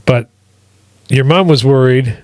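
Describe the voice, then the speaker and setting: A middle-aged man hosts a casual podcast, talking in a rambling, fatherly way full of restarts and asides. His voice sits at an ordinary pitch for a man. The sound is dry and close, with no room echo. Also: a little slow, a little mellow.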